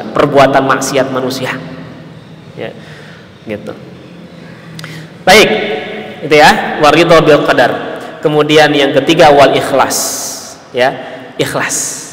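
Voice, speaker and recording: A male Islamic preacher with a Sundanese accent giving a sermon, asking the congregation rhetorical questions and punctuating lines with a steady "ya". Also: mid-range voice, measured pace, long pauses, reverberant, in a large hall, rough recording. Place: mosque hall.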